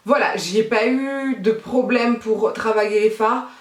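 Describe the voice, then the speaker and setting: A woman's voice: on the high side, measured pace, recorded from a distance. A young adult woman chatting casually through a makeup tutorial as a beauty vlogger, thinking aloud with many fillers. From France. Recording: echoey room.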